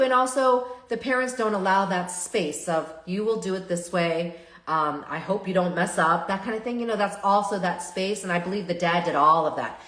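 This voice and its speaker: A woman's voice: medium pitch, fairly bright tone. A middle-aged woman, a family therapist, talking casually on a live stream. She often checks in with her viewers by asking "right?". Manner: chatty, asks the audience "right?" often. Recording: echoey room.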